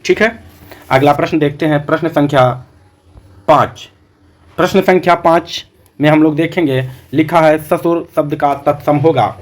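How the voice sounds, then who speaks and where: A man's voice: on the high side, steady tone, normal speed. A man teaching a Hindi exam-prep class, repeating each answer back as a question to his students.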